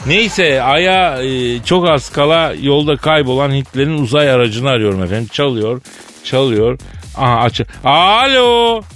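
A man's voice: medium pitch, normal speed, a bit bright, soft background music. A man hosting a comic radio show, bantering and acting out a mock phone call.

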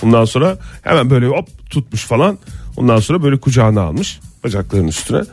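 A man co-hosting a morning radio show, telling news stories in a dry, joking way with drawn-out pauses. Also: mid-range voice, big pitch swings, a little mellow, soft background music. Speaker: radio co-host.

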